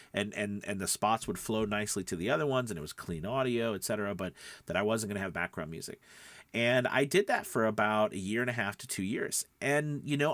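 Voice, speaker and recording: In a dry recording, a man with a lowish, slightly bright voice gives casual instruction as a voiceover coach and podcast host. He's conversational and emphatic and keeps checking in with the listener.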